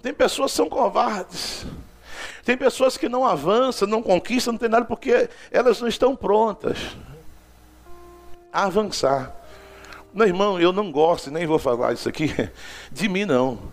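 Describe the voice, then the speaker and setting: High-voiced fervent preacher. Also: male voice, animated, normal speed, pauses often. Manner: fervent, exhorting, acts out dialogue. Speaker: apostle preaching. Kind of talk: sermon.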